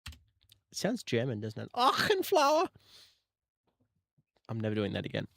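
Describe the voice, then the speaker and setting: A man's voice: fairly low pitch, expressive, a little fast, vocal fry, a little mellow, dry recording, clean studio sound. A man chatting in a casual, jokey way on a livestream while he edits audio on his computer. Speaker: streamer editing rail audio.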